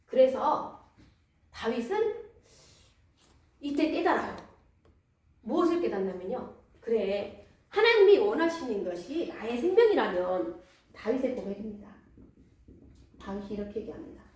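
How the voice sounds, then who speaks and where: A woman preacher telling a Bible story in a lively way, asking the audience questions, in a church. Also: on the high side, a little slow, long pauses. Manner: animated, asks the audience questions. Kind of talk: storytelling sermon. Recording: echoey church hall, mic far off.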